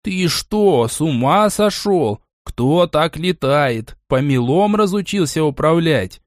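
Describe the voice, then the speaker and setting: A fussy, bragging male cat from an audiobook fairy tale, put on by a man. He yowls, scolds and purrs in a high, wheedling voice. The recording is dry and close. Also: sing-song, dry recording. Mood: scolding. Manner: loud, wheedling, fast-chattering. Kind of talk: audiobook character voice.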